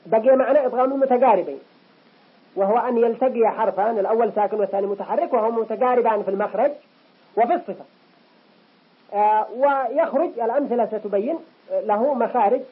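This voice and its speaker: A man teaching the rules of Quran recitation. He goes slowly and deliberately and repeats each recited example several times. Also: very high voice, breathy edge. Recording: lo-fi muffled recording.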